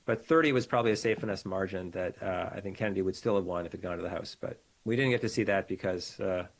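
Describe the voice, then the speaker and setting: Guy w a lowish voice, professor type, calm and analytical, on a video call. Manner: measured, analytical, with frequent restarts. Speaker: political science professor, guest. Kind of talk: explanatory interview talk.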